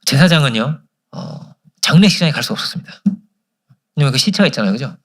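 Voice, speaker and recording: A man's voice: medium pitch, animated, fast, a bit bright. A man preaching a sermon as pastor, asking the congregation questions and answering them himself. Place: church service.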